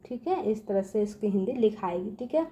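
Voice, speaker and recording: A woman's voice: mid-range voice, expressive, dark tone. A woman teaching children spelling, patiently repeating each step and checking in after nearly every line. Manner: repeats "theek hai" constantly, patient and drawn-out; addresses viewers as children.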